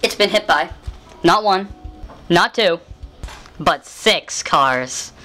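Over-the-top sandwich seller, played by a woman in a homemade skit, low voice, faint music underneath. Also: expressive, takes it slowly, sharp tone, exaggerated voice. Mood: salesy. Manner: salesy pitch, over-the-top delivery. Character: pushy sandwich seller and anxious caller.

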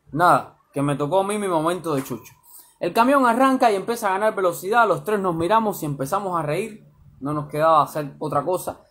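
A man reading his own first-person story aloud, lively and colloquial. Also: high voice, breathy edge.

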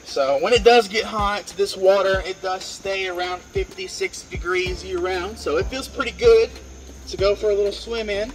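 A man with a high, steady voice speaks at a normal speed, leading a tour group outdoors and into a cave as an upbeat, playful storyteller cracking jokes. A visitor's camera a few meters away captures him in rough audio with background music underneath.

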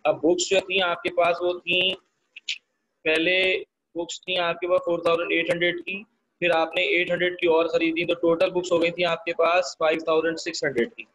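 A man teaching an online accounting lesson. He explains each step slowly and keeps asking his students for the answers. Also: on the high side, completely flat delivery, fairly bright tone, rough recording.

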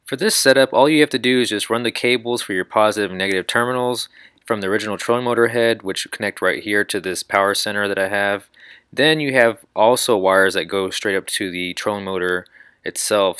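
A man's voice: on the low side, sharp tone, dry recording, studio quality. A man hosting his own channel, walking step by step through a do-it-yourself build in an upbeat, explaining voice. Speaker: channel host. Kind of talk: DIY how-to walkthrough.

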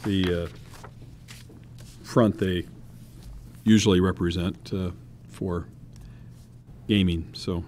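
Deep-voiced, hesitant council member. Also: male voice, fairly even intonation, darkish tone, a little hiss or hum. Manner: slow, hesitant, with many uh pauses. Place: council chamber.

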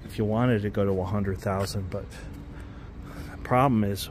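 A man's voice: lowish voice, steady tone, normal speed, noisy background. A man filming a casual walking vlog as he tours a stadium, talking in an enthusiastic, rambling way and often correcting himself mid-sentence. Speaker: stadium tour vlogger. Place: outdoors in a large stadium.

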